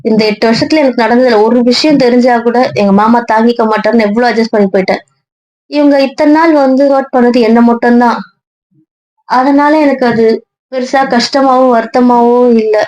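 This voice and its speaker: A young woman pleads through tears in a strained, emotional delivery. Her voice sits a little higher than most women's. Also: a little mellow, rough recording. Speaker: young wife in a family web series. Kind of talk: emotional web series acting.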